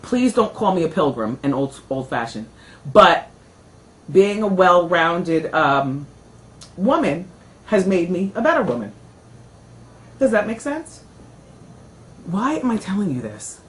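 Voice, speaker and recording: A woman talk show host telling a personal story in casual chat, animated and emotional. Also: lowish voice, a little slow, pauses often, low-quality recording.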